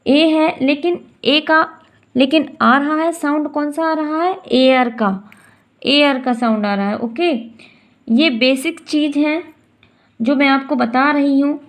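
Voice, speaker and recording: A woman with a high voice teaches English vowel sounds to beginners. She speaks slowly and goes over each point again. She stretches out the sounds she models. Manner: slow, repetitive explaining, drawing out the sounds she models.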